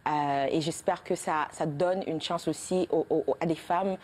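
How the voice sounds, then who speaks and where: A woman in her thirties with a Haitian French accent, talking as the guest of a television interview. Her voice is warm and mellow. She speaks earnestly and restarts her sentences often, with many fillers. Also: low-pitched, fairly even intonation, moderate pace. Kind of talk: TV interview answers.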